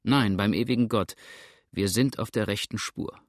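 A man's voice: lowish voice, moderate pace, no room sound, clean studio sound, natural voice. A man reading an emphatic, insistent old man. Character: old man, stubborn and sure. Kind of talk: audiobook character reading.

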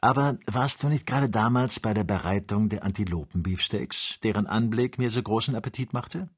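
Audiobook: man reading a cool-headed hunter; low, husky, firm. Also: fairly quick. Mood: dry. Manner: terse, firm orders. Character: calm, commanding male hunter. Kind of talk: audiobook character voice.

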